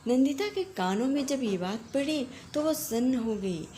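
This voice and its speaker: Woman, story narration, emotive delivery, fairly high voice, faint background noise. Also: expressive, a little slow, warm tone. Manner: emotive, voices the characters' lines herself.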